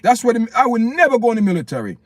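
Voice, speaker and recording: His voice is extremely high, sing-song and racing, captured as a dry, clean studio recording. The speaker is a Jamaican livestream host with a Jamaican accent, passionately and preachily ranting at viewers he calls "people," repeating his opinions over and over.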